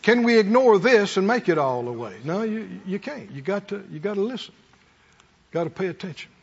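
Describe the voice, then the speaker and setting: Fairly quick and high-pitched with lively intonation and a breathy edge, a middle-aged or older man delivers a folksy, conversational sermon. Homely stories and rhetorical questions fill it, and the hall sound is muffled with long reverb.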